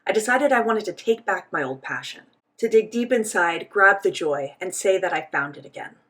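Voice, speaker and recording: This woman's voice is medium-pitched, animated and fairly bright as she interprets a signed interview. She gives both host and guest a measured first-person rendering.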